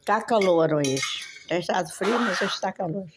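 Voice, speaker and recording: Recorded on a handheld phone in her home dining room, an older European Portuguese-accented vlogger rambles affectionately to viewers at the table while cutlery and dishes clink. She speaks at medium pitch and a moderate pace.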